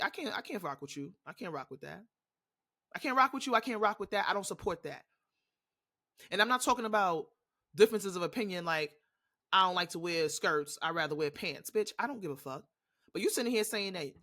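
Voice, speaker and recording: A woman with a New York accent talks straight into her podcast mic with a blunt, profane edge. She rants with passion in a loose, casual monologue. Her voice sits at an ordinary middle pitch. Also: a bit bright, breathy edge. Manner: blunt, profane, impassioned ranting. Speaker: podcast host.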